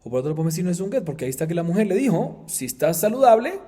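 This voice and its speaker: A man, a rabbi, teaching a Talmud class, explaining the text in an animated way with emphatic highs and chanting the Aramaic passages. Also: rapid-fire. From Colombia.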